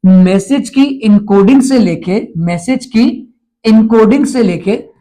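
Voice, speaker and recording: Mellow-voiced male teacher quizzing his class. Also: high-pitched, expressive, slow. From India. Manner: keeps quizzing and repeating answers. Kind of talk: exam-prep lecture with call-and-response.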